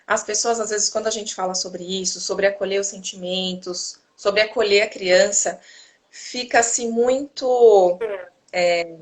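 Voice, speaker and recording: A woman hosting a casual chat, a mother telling lively stories and acting out what people say, over a video call. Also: medium pitch, a little slow. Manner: animated, acts out quotes while telling stories. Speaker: host; mother of a toddler.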